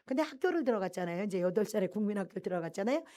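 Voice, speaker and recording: A woman's voice: mid-range voice, racing. A middle-aged woman pastor giving a personal testimony sermon, telling her story with rising emotion. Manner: animated storytelling, swells with emotion.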